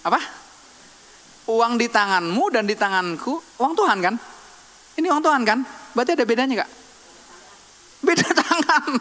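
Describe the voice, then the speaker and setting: Lively high-voiced male preacher. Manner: lively, conversational, teasing the congregation with questions. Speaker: pastor. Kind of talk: sermon. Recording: long hall reverb.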